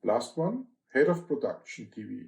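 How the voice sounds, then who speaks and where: Older man, from Austria, interview guest, terse clipped phrases, gravelly, mellow, roomy sound. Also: mid-range voice, sing-song, normal speed. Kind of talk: interview answers.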